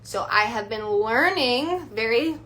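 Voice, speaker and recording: Chatty bright-voiced young woman on a phone live stream. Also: fairly high pitch, lively intonation, slow, a little hiss or hum. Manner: chatty, with many fillers, earnest and a little defensive. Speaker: astrologer hosting a live stream. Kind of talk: casual live-stream talk.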